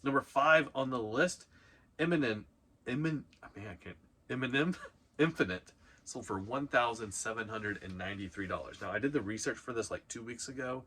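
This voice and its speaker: A reselling video channel's host, a man, talks to camera through a countdown in a casual, informal way with punchy emphasis. His medium-pitched voice is sharp in tone at a moderate pace, with a little hiss or hum in the audio.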